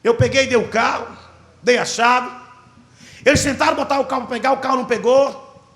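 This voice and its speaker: A man with a Brazilian Portuguese accent, a pastor preaching a sermon and telling a story with animated, dramatic delivery. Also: very high voice, a little fast, reverberant.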